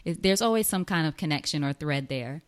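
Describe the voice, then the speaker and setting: Smooth low-voiced woman host. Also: animated, a little fast. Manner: enthusiastic, encouraging. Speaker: podcast host. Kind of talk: casual interview conversation.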